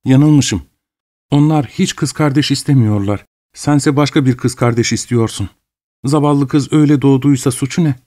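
A man's voice: medium pitch, moderate pace, dark tone, voice pushed up, natural voice. A man voicing an older, pious mother who speaks with tearful sorrow in a read-aloud story.

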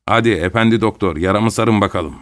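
A man's voice: fairly low pitch, fairly quick, close to an everyday voice. A man reading a story, voicing a cold, harsh army colonel who gives curt, contemptuous orders. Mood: commanding.

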